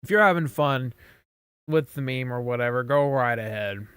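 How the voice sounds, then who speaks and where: A man's voice: mid-range voice, moderate pace, fairly bright tone, clear, resonant tone, no echo. Man, streamer, casual rambling reaction chat, lots of swearing, dry close sound.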